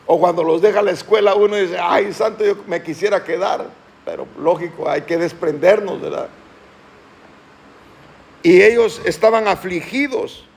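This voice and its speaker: A man preaching a sermon as pastor of his church, slowing down and lifting his voice when he reads scripture aloud, and calling on the congregation to respond. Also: high voice, gravelly. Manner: asks the congregation questions and calls them to respond.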